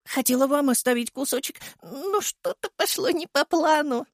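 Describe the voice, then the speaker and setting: A man's voice: extremely high pitch, expressive, moderate pace, no room sound, studio quality, pitched above the performer's own voice. A man voicing a cheerful, chatty, childlike female golem who whines and gushes in an audiobook. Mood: chirpy. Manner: gushing, whiny, childlike. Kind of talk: audiobook character voice.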